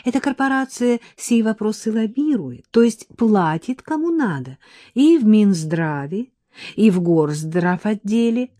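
A woman's voice: medium pitch, big pitch swings, unhurried, warm tone, no room sound, pitched above the performer's own voice. Milka, a coquettish young woman, read by a woman. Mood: urgent. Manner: coquettish, teasing, talkative.

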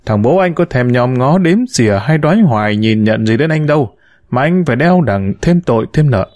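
A man's voice: medium pitch, expressive, normal speed, dry recording, clean studio sound, close to an everyday voice. A man voicing a bitter, lamenting mother. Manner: reproachful, lamenting, sharp-tongued. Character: bitter, wounded middle-aged mother.

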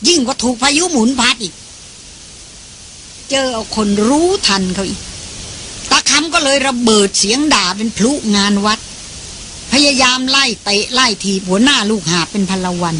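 Steady audiobook narrator. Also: mid-range voice, normal speed, a little hiss or hum. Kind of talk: scripted novel narration.

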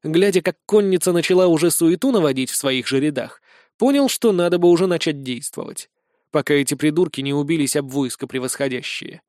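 A man reading a first-person fantasy audiobook in a measured storytelling manner. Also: a little high, expressive, a little mellow, dry recording, clean studio sound. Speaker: audiobook reader.

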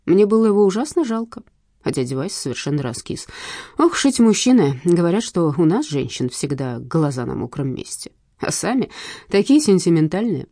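A woman reading an audiobook in a lively, wry storytelling manner. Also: lowish voice, a little fast, no echo, studio quality. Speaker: narrator. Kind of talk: audiobook narration.

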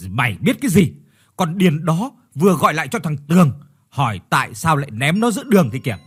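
A man voicing a furious, domineering older father who shouts and swears. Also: fairly high pitch, big pitch swings, a little fast, breathy edge, heavily acted.

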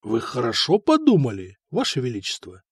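A man's voice: medium pitch, huge pitch swings, a little fast, husky, no room sound, studio quality, voice pushed down. Man doing a brash, commanding warrior-king. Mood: sly. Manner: brash, commanding, shouting orders. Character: ruthless bold warrior-king, commanding male.

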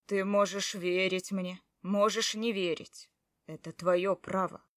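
A stubborn grown husband, gruff and insistent, his voice pushing hard and loud, as a woman puts him on. Every word comes through close and dry, with no room around it. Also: mid-range voice, fairly even intonation, takes it slowly, dry recording, close to an everyday voice. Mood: earnest.

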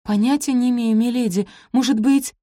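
A woman's voice: on the high side, steady tone, brisk, mellow, no echo, studio quality, voice pushed up, natural voice. A woman doing a meek, timid young servant. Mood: placating. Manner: meek, placating, stammering.

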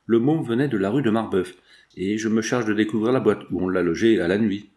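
A man's voice: on the low side, brisk, darkish tone, close to an everyday voice. A man doing a brash joking painter.

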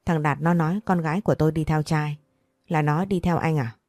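A woman voicing an angry older father who speaks in rapid, furious bursts. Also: sits low, fairly even intonation, no echo, clean studio sound, soft background music, lightly acted. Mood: stern. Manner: furious, rapid shouting threats.

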